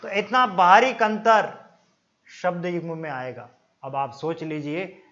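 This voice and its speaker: A man with a Rajasthani Hindi accent teaching an exam-prep Hindi grammar lesson, explaining slowly and repeating words to stress how they are pronounced, calling his viewers friends. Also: fairly high pitch, a bit bright. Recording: dull lo-fi sound.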